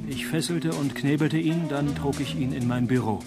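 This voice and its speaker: A man performs a cynical noir detective for a radio play. He is dry and deadpan, wisecracking his way through hardboiled lines. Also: a little high, normal speed, over loud music, close to an everyday voice. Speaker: narrator and lead actor of a detective radio play. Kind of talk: noir detective parody radio drama, first-person narration.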